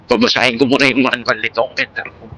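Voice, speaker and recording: A motovlogger with a Filipino accent chats casually and rambles in an informal vlog, mixing in English words. His medium-pitched voice is fast, flat and sharp, picked up by a Bluetooth intercom headset along with vehicle noise.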